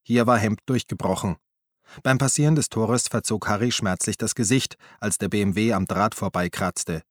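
A male narrator reading a thriller aloud in a steady, measured way. His voice is low and recorded close on a studio mic, completely dry with no room sound. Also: no room sound. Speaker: audiobook narrator. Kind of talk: scripted narration.

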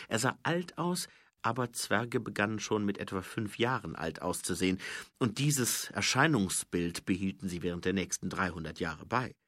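A man narrating a fantasy audiobook in a slow, expressive reading. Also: on the low side, no room sound, clean studio sound. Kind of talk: scripted narration.

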